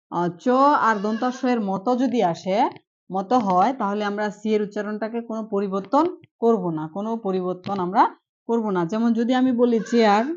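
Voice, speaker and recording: A woman's voice: a little high, a little mellow, highs cut off. A woman giving an online English pronunciation lesson, patiently repeating each point and checking that the students follow. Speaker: English teacher.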